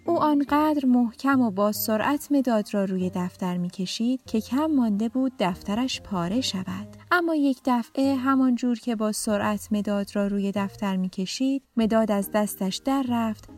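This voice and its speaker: A woman narrating a children's storybook in a gentle, expressive read-aloud manner. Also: a little high. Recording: faint background music.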